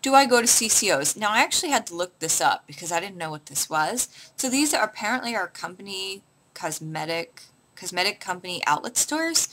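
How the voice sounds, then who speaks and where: Bright-voiced chatty woman vlogger. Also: medium pitch, sing-song, a little fast, few pauses, slight background noise. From Canada. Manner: chatty, with many fillers and restarts. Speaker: beauty vlogger. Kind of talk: casual chat answering a tag questionnaire.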